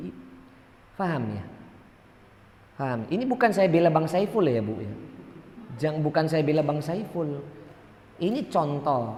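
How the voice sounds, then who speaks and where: Medan-accented preacher in an echoey mosque. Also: male voice, fairly high pitch, darkish tone. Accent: Medan Indonesian. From North Sumatra. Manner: conversational, joking with the congregation, asks them questions. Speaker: ustadz teaching a mosque study circle. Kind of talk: sermon. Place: large mosque hall. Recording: echoey mosque hall with long reverb.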